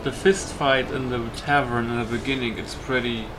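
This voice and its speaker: Over loud game music and a noisy background, a gamer gives hesitant, informal let's play commentary on his own playthrough. He speaks in a level, medium-pitched voice at a moderate pace.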